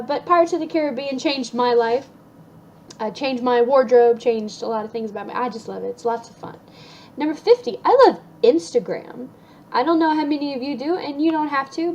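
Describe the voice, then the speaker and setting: A woman's voice: on the high side, darkish tone, highs cut off, slight background noise. A young woman chatting casually through a list of her favorite things, upbeat with lots of ums and restarts. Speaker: vlogger.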